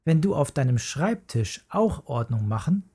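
A narrator voicing a patient mother in a children's story who gently chides her son. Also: mid-range voice, very animated, unhurried, breathy edge, heavily acted. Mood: gently chiding.

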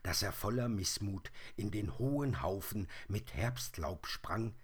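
A man calmly reading a children's story aloud. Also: on the low side, slightly rough. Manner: calm, unhurried storybook telling.

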